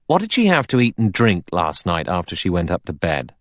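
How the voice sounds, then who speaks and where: This man's low voice swoops wildly in pitch as he speaks briskly, voicing a middle-aged audiobook detective who is blunt, aggressive, suspicious, and cocksure. He argues in pushy, colloquial, emphatic bursts, captured in a dry, clean studio recording.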